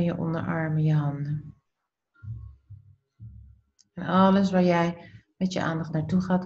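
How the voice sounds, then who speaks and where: In a low voice, a woman talks listeners through an unhurried meditation, soft and soothing, pausing between brief phrases that fade into breathiness. The recording has a dull quality.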